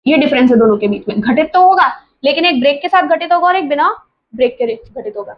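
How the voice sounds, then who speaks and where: A woman's voice: high-pitched, lively intonation, brisk, muffled recording, slight background noise. A woman teacher explaining vocabulary in a patient lesson, asking herself questions and adding tag questions as she goes. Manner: asks herself questions, often adds tag questions. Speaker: English teacher. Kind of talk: explaining vocabulary, mixing Hindi and English.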